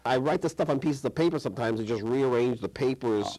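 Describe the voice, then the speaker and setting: A middle-aged man from Chicago, a studio interview guest with an average-pitched voice. He talks reflectively, often restarting and leaving phrases hanging as he gropes for the word. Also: mellow, low-quality recording. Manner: thoughtful, halting, with many restarts and trailing phrases. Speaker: guest filmmaker. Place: TV studio set.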